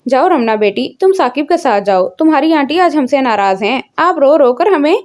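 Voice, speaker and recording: A woman's voice: sits high, animated, moderate pace, darkish tone. Jovial older colonel in a storybook, voiced by a woman narrator, coaxing and fond. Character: older male army colonel, kindly and jovial.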